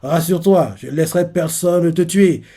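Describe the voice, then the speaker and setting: A man's voice: fairly high pitch, moderate pace, dark tone, slightly rough. A man voicing a flamboyant, boisterous male leader in an exuberant, encouraging cheer while recapping a comic.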